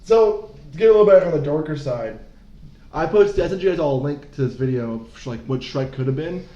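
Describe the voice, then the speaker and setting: A man's voice: fairly high pitch, lively intonation, a little fast, mellow. A man co-hosting a podcast who chats casually in a rambling, profane way. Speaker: podcast co-host. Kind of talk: casual chat. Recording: roomy, dull, faint noise.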